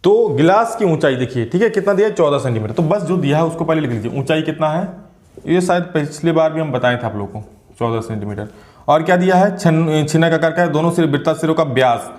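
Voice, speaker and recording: Male math tutor, fairly high voice, chatty, self-questioning; echoey room at home. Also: lively intonation, quick pace, darkish tone. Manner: chatty, asks and answers his own questions. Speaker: teacher. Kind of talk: explaining a math exam problem.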